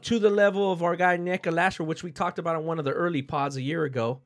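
A man co-hosting a casual sports podcast, slightly coughing, giving animated opinions between quick affirmations. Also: a little high. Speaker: podcast co-host.

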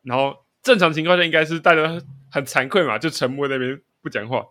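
A man's voice: fairly high pitch, fast talker, sharp tone. A man with a Taiwanese Mandarin accent, co-hosting a casual chat show and telling stories with frequent laughter. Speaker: podcast co-host.

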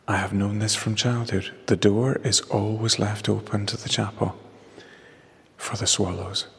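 A man speaking reflectively and reciting in a measured, literary way, in a stone chapel with a big hall echo. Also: lowish voice, creaky, slightly rough. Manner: measured, contemplative, literary phrasing. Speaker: poet and guide reading his own poem. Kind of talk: reflective storytelling and poetry reading. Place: small stone chapel with open door.

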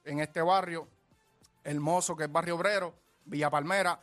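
A man's voice: fairly high pitch, fairly even intonation, moderate pace, fairly bright tone, soft background music. A man with a Puerto Rican accent making an earnest, heartfelt appeal on a radio show. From Puerto Rico.

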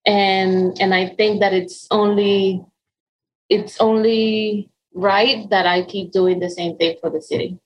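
The audio is poor as a Dominican woman in her forties, accented in Dominican Spanish, takes it slowly while telling her story. She's an interview guest in a conversational interview, with a medium-pitched voice and fairly even intonation, earnest and stumbling through ums and restarts.

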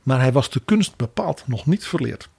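Male podcast co-host, raspy and gravelly, lively wry political commentary, dry close mic. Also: mid-range voice, moderate pace, no echo. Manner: animated, wry commentary with quoted asides. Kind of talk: political analysis chat.

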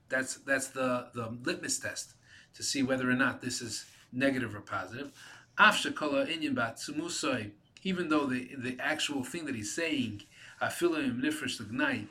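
Guy giving a torah class, reads with a yeshiva sound then translates, restarts a lot, bright voice. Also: fairly high pitch. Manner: halting, repeats and restarts words while translating. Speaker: Torah teacher. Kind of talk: reading a Hebrew text and translating it line by line.

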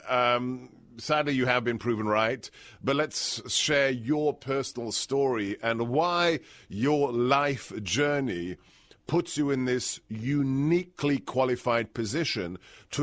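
A man's voice: mid-range voice, a bit bright, no echo. A man hosting an interview, speaking with a dramatic, rhetorical delivery. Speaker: host.

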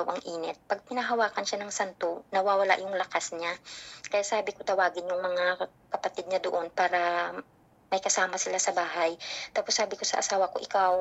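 The audio is dull as a middle-aged woman with a medium-pitched voice casually recounts something about her child. Her storytelling is lively, with the others' lines performed in character.

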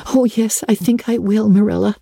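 A woman's voice: medium pitch, measured pace, warm tone, no room sound, clean studio sound, voice pushed up. A woman reading aloud, voicing a talkative, imaginative orphan girl who speaks earnestly and theatrically.

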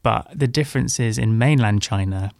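A man's voice: medium pitch, normal speed, vocal fry, no echo, clean studio sound. A young man who grew up in Hong Kong tells a funny personal story on a podcast, candid and self-mocking. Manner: candid, self-mocking, lively when recalling.

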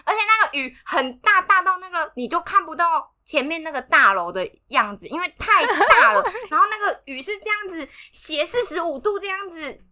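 A young woman, co-hosting a podcast and telling a story in an animated, dramatic way, laughing as she goes. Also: very high-pitched, normal speed, few pauses. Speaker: podcast co-host. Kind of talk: casual storytelling chat.

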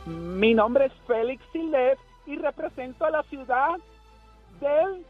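Brief: a man in high falsetto as a slow pageant contestant, Puerto Rican, muffled line. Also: expressive, soft background music, exaggerated voice. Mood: pageant-proud. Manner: slow, sing-song pageant delivery. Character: male caller as a prim beauty-queen contestant. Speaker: caller.

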